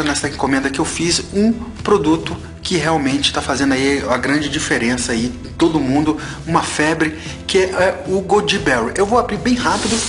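A man in his forties vlogging about health products in an emphatic, preachy way, repeating his points, with faint music behind. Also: a little high. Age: 40s. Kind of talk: casual vlog, unboxing and health advice.

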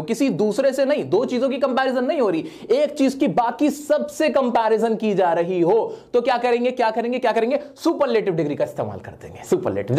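A man's voice: very high voice, a little mellow. A male grammar teacher who writes on a board as he explains. He keeps asking questions and answering them himself, and he sometimes speaks the part of an imagined student asking him something. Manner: asks his own questions and answers them. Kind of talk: classroom grammar lesson. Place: at a whiteboard, writing while teaching.

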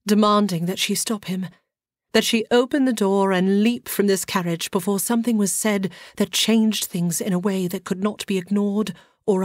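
A woman narrating a historical fantasy audiobook in a measured, softly dramatic reading. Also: medium pitch, no echo, studio quality.

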